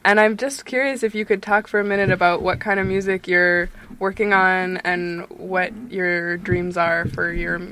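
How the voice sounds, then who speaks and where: A woman's voice: fairly low pitch, steady tone, moderate pace, few pauses, pushed and bright. A woman with a mid-range voice chats casually on a radio show and turns to question another guest. Faint clicking noise can be heard behind her. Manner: chatty, asks other guests questions.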